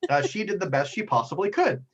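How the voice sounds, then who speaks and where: A man narrating a tabletop role-playing game as game master, animated and excitable, with frequent ums and uhs. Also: high voice, a little fast, muffled recording.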